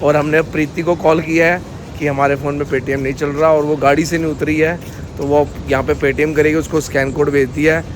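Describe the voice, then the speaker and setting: A man's voice: fairly high pitch, level tone, fairly quick. A man filming a casual family vlog outside a row of shops, chatting and joking as he describes what is going on around him. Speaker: family vlogger. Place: outdoors at a busy street of shops. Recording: noisy outdoor street recording. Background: traffic and street noise.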